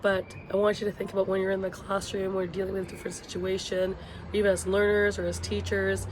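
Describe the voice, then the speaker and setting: Speaking in a mid-range voice that is hoarse as if she's ill, a university education instructor gives her students informal course announcements in a video blog. She hesitates and pauses often as she talks. She's outside on a patio, and loud vehicle noise from the surroundings fills the audio.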